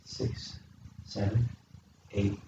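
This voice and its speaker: Man coaching kids through a workout, unhurried, far from the camera mic in a very echoey room. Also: warm tone, highs cut off. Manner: encouraging, counts reps aloud, asks kids questions. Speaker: youth fitness coach. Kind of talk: home workout class for kids. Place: indoor room with a chair. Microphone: camera microphone from a distance. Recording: very echoey room, distant mic, faint noise.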